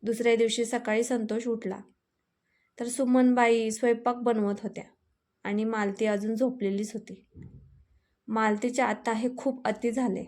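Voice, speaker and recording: A woman storyteller narrating a family drama in a steady, matter-of-fact reading. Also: fairly high pitch, moderate pace.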